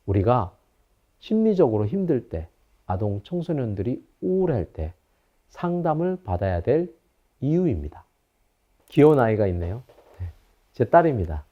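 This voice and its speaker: Animated male psychology professor lecturing. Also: medium pitch, normal speed, long pauses, muffled recording. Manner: storytelling lecturer who acts out anecdotes. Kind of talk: recorded online lecture.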